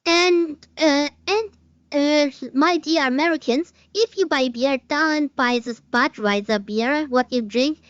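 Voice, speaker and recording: Slow, high-voiced woman with a German accent. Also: dry recording, highs cut off. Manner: halting, searches for English words, swears casually. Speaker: streamer reacting to a video. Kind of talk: casual reaction commentary.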